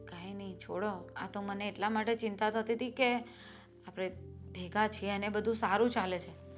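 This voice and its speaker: An actress playing a patient, worried wife and elder sister-in-law who reasons calmly about family troubles. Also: female voice, mid-range voice, moderate pace, soft background music, lightly acted. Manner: calm, reasoning, then pushing back. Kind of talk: family drama acting.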